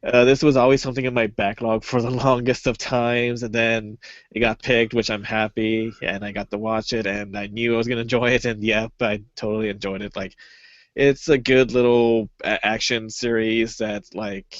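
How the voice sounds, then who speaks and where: A man's voice: lowish voice, little pitch movement, moderate pace, dry recording. A young man co-hosting a podcast in casual chat, rambling with lots of fillers and hesitations. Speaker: podcast co-host. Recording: dull lo-fi podcast audio.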